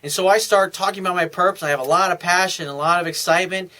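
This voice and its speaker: Bright-voiced tired man giving advice. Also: high-pitched, steady tone, fast. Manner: loose, conversational, with many fillers and restarts. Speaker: dating coach. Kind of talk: casual advice monologue.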